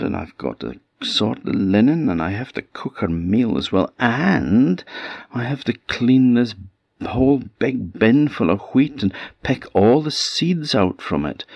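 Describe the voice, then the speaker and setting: An anxious young girl pleading about impossible chores, as a man puts her on. The voice is raised above his gravelly register and sounds worried throughout. The recording is dry and dull. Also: mid-range voice, dry recording, pitched above the performer's own voice, full character voice. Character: frightened, overworked young girl.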